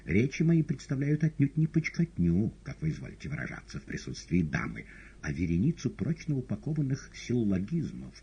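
A man's voice: low voice, dark tone, slight background noise. A man voicing a sly, pompous talking cat who argues in long mock-polite phrases. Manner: wordy, mock-polite, whining. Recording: dull lo-fi audiobook recording.

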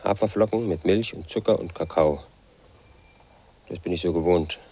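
In a radio drama monologue, the lead actor plays a lonely 38-year-old man, paranoid and brooding, who shares confidences in a pedantic manner and can't stop thinking about statistics and codes. His voice sits low, warm and husky, at a moderate pace.

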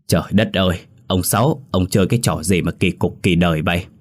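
A man's voice: low voice, brisk. A man voicing a grumpy drunk old man who complains. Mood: complaining.

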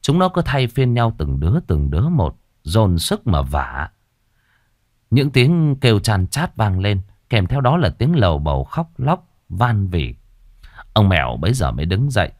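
Male audiobook narrator, low voice, lively expressive intonation, dry close sound, dramatic storytelling. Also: dry recording.

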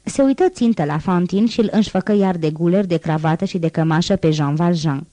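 A woman narrating a classic novel as an audiobook, in a measured, dramatic reading. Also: fairly low pitch, warm tone, no echo. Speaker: audiobook reader.

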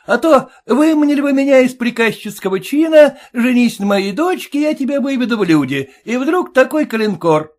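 A man's voice: very high-pitched, lively intonation, moderate pace, few pauses, pitched above the performer's own voice. A man voicing a sarcastic, quarrelsome young groom who mocks his new in-laws in a jeering, indignant way.

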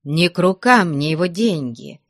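A man reading aloud, voicing a timid, pious young man who sighs and speaks softly. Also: on the high side, expressive, moderate pace, no echo, clean studio sound. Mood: pleading. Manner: sighing, half-whispered.

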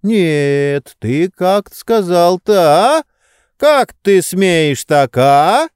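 A man acting out a hoarse, sleepy gentleman who grumbles and flares up in peevish bursts. The pitch swings widely and the tone stays mellow. It sounds dry and close to the mic. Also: wildly swooping pitch, takes it slowly, dry recording, exaggerated voice. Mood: indignant. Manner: drowsy, peevish, flaring up. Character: sleepy irritable idle male gentleman. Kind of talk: audiobook character voice.

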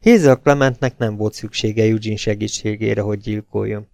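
A man reading a novel aloud as an audiobook narrator, steady and measured. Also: lowish voice, gravelly, dry recording, clean studio sound.

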